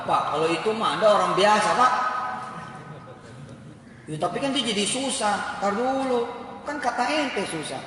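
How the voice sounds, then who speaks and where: A man giving a sermon in an animated, joking way, speaking straight to his audience. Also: a little high, background noise. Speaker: preacher. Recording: echoey hall heard from far off.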